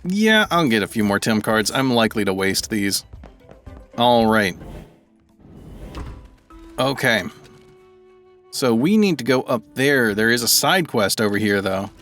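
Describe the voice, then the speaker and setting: A man's voice: medium pitch, very animated, a little slow, long pauses, a bit bright, soft background music. A man giving casual let's-play commentary, thinking aloud and rambling as he plays. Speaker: gaming video creator.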